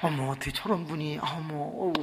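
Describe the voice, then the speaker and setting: Preacher doing tutting church ladies, eomeo eomeo, echoey. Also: male voice, on the high side, steady tone, brisk, heavy background noise, lightly acted. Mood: sympathetic. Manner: clucking 'eomeo', sympathetic. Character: gossiping sympathetic churchgoers. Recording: long church reverb.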